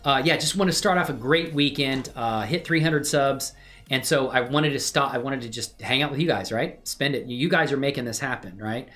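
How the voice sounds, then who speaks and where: A woman hosts a casual livestream on her own channel from indoors at a computer, chatting to viewers in a friendly, exclamatory way. Her voice is rumbling low and a bit bright, at a moderate pace.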